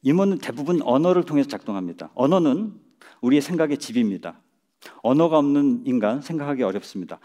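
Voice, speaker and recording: A middle-aged man speaks from a stage in a mellow, warm voice. He lectures in a measured way, now and then chuckling at his own jokes. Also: mid-range voice. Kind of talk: public lecture. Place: lecture stage before an audience.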